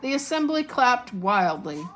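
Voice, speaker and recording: A woman teacher reading a storybook chapter aloud in a steady, expressive way. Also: on the high side, measured pace, slight background noise, low-quality recording.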